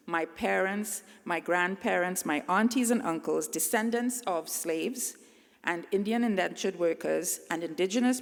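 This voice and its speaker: Gravelly middle-aged woman in a hall. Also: lowish voice. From Trinidad and Tobago. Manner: earnest, measured, speaking to a crowd. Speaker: convocation speaker. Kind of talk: commencement address. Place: large convocation hall. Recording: long hall reverb.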